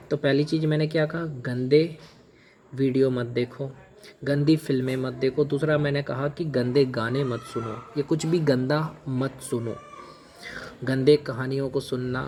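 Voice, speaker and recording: A man's voice: medium pitch, darkish tone, slight background noise. A man hosting an advice video, talking straight to the viewer in an emphatic, repetitive way and calling him brother. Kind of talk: direct-to-camera advice talk.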